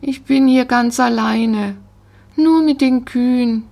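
A woman's voice: a little high, slow, vocal fry, warm tone, voice pushed up. A woman voicing a lonely, sad pony. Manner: plaintive, longing. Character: lonely sad young pony, male or female.

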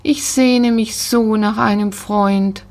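A woman's voice: mid-range voice, fairly even intonation, slow pace. A woman voicing a lonely, sad pony in a storybook who speaks in a plaintive, longing way. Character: lonely sad young pony, male or female.

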